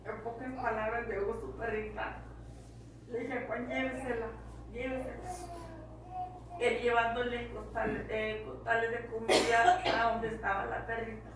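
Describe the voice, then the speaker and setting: Woman, high-ish voice, heartfelt church testimony, picked up from far off in an echoing room with audible noise. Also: little pitch movement, unhurried. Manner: tells her story through quoted dialogue, voice welling up with emotion. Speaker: church member giving testimony. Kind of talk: emotional personal testimony. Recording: echoey hall from far off with background noise.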